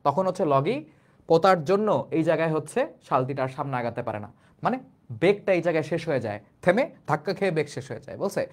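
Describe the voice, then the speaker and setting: A man's voice: on the high side, animated, fast talker. A young man with a Bangladeshi Bengali accent teaching a class, restating each line in plain everyday words and asking the students rhetorical questions. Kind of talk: explanatory class lecture.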